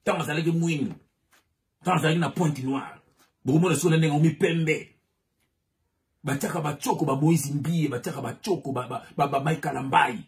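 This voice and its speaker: A fiery pastor with a fairly high-pitched male voice preaches a sermon at normal speed. He switches between French and Lingala and repeats phrases with rising emphasis.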